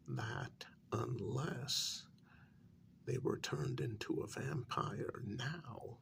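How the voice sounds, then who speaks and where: Here the same vampire official, patient but worn thin, probes with a halting, coaxing manner full of pauses. The man's breathy, medium-pitched voice frequently sinks toward a whisper, and his delivery is exaggerated for this soft-spoken ASMR scene.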